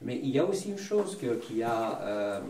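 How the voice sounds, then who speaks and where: A man's voice: medium pitch, big pitch swings, moderate pace, a little mellow. A man speaking unscripted on a discussion panel, hesitant and often repeating his words. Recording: echoey room, distant microphone.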